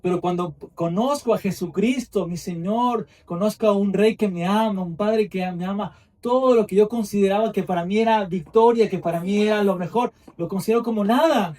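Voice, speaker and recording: A man's voice: high voice, moderate pace, hardly any pauses, darkish tone, recorded from a distance. A man, preaching a fervent sermon in a church with repeated, rising emphasis. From Ecuador. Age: 20s.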